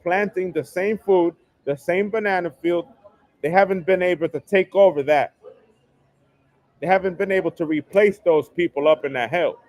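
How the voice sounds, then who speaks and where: This ranting solo livestream monologue comes from a male host at a home setup in New York, who repeats the same phrases emphatically. His high voice carries a darkish tone, he speaks at a moderate pace, and the recording is dry.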